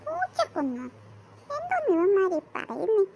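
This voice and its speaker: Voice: extremely high pitch, wildly swooping pitch, normal speed, gravelly, highs cut off, slight background noise, full character voice. A performer voicing a jittery young boy who stammers and talks urgently. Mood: scared. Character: jittery young boy Vasu, easily scared.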